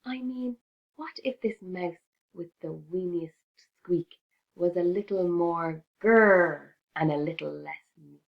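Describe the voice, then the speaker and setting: A woman reading a rhyming picture book aloud to children in an expressive, sing-song teacher's way. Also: on the low side, slow pace, gravelly, muffled recording.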